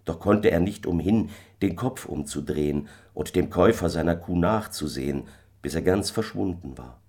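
A man narrating a fairy tale in an expressive, measured reading. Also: low voice, breathy edge. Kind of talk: storybook reading.

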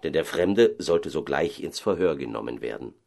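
A man narrating a fairy tale in an expressive, dramatic way. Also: a bass voice, moderate pace, creaky.

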